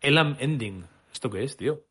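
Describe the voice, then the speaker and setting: A man's voice: mid-range voice, lively intonation, moderate pace, fairly bright tone, breathy edge. Musing basketball fan, man. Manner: musing, hesitant, restarts often. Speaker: podcast co-host. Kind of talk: casual podcast chat.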